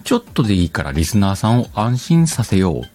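In this laid-back advice podcast, the male host talks fast in a fairly low, sing-song, slightly mellow voice, second-guessing his wording as he reasons aloud. Faint music plays behind him.

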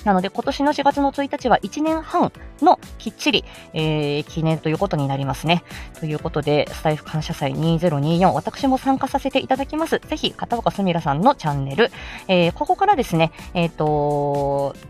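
Soft music plays behind a woman with a low-sitting, very animated voice and a darkish tone, speaking at a moderate pace. A voice actor, she's hosting a chatty live morning stream for listeners. Polite and bubbly, she laughs a lot and is effusively thankful.

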